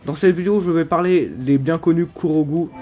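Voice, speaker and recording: A man's voice: fairly high pitch, a little fast. A man with a lisp, slushy s sounds and slurred articulation, narrating humorous video game theories in a mock-serious, emphatic manner. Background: background music.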